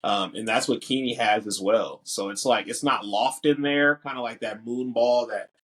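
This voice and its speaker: A young man with a mid-pitched voice co-hosts a sports podcast in laid-back chat. He talks in slangy bursts, leaning on "like" and "bro". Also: moderate pace, a bit bright. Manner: loose, slangy, lots of fillers. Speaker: podcast co-host.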